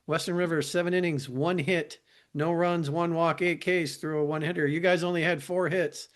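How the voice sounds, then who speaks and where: A man's voice: fairly high pitch, steady tone, moderate pace. A man hosting a podcast, reading out game stats in short bursts and asking the guests questions. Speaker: podcast host.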